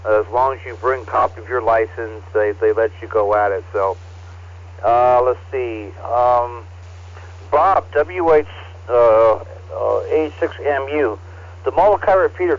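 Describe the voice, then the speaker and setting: A man acting as net control on an amateur radio net, heard over a ham radio transceiver, reading call signs in a relaxed, halting way. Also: medium pitch. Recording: dull, lo-fi radio audio.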